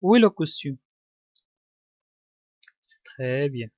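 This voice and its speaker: A man with a Moroccan accent, a primary school teacher giving a child a one-on-one reading test, coaxing patiently, repeating words slowly and mixing French with Arabic. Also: fairly high pitch, animated, a little mellow, dry recording. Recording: dull dry lo-fi recording.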